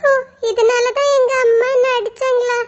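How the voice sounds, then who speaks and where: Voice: very high voice, little pitch movement, normal speed, lo-fi sound. A performer voicing a whiny little boy crow in a cartoon story. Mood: pleading. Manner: whiny, childlike. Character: little boy crow, upset runaway child.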